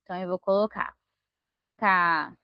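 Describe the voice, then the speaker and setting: Teacher, woman, fairly high voice, patient step-by-step explainer, dry close mic, slightly dull audio. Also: measured pace, no echo. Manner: patient, explains step by step and checks understanding often. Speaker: Portuguese language teacher. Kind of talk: online grammar lesson.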